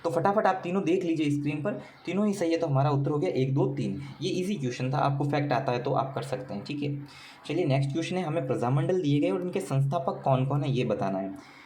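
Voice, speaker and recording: A man teaching as an exam coach, talking quickly and firing questions at his students that he answers himself. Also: on the high side, animated, darkish tone, a little hiss or hum. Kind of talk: exam paper solution lesson. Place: coaching class recording.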